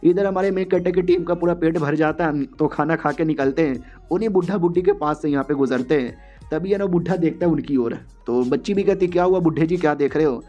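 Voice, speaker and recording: A man's voice: on the high side, a little fast, dark tone. A man casually retelling a comic story in a slangy, joking way. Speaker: story recap narrator. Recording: dull recording with faint music.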